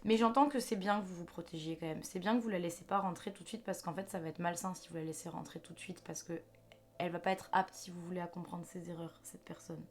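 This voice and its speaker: A woman's voice: lowish voice, fairly even intonation, fast, darkish tone. A young woman giving a chatty, reassuring intuitive card reading to viewers, with faint music behind her. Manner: chatty, reassuring, restarts and fillers. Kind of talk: casual spoken reading to viewers.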